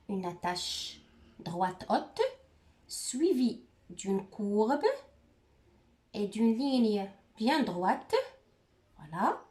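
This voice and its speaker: Woman teacher walking a class thru handwriting, slow and patient, voice goes up and down a lot. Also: a little high, darkish tone. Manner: slow, patient step-by-step instruction. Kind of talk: handwriting lesson.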